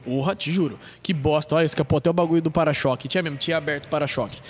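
A Brazilian man who is a podcast guest, telling a story in animated, casual and profane talk and acting out what other people said. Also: fairly high pitch. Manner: animated, profane, quick-talking; acts out other people's lines.

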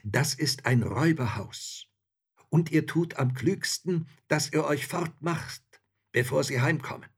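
A man's voice: fairly high pitch, measured pace, breathy edge, voice pushed up. A man voicing a worried, kindly old woman in a storybook reading, speaking with an urgent warning tone.

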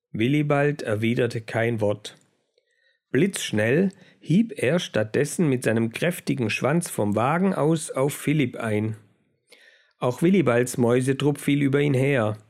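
A man reading a children's book aloud in a measured storytelling manner. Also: mid-range voice, a little mellow. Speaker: narrator. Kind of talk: audiobook narration.

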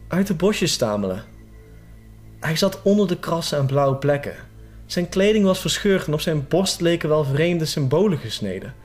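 A man reading a horror story aloud as a scripted narration, in a steady, suspenseful way. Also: on the high side.

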